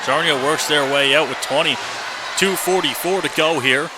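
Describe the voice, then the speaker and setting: Live radio play-by-play of a hockey game comes from a man with a fairly high voice at a moderate pace. He keeps up clipped running phrases and shouts excitedly when big plays happen. It's a noisy broadcast from inside an ice hockey arena.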